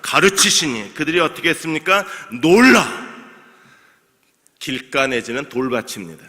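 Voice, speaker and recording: A man's voice: on the high side, expressive, normal speed, sharp tone. A male senior pastor preaching an expository sermon, asking the congregation questions and answering them himself in an emphatic, preacherly way. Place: church sanctuary. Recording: long church-hall reverb.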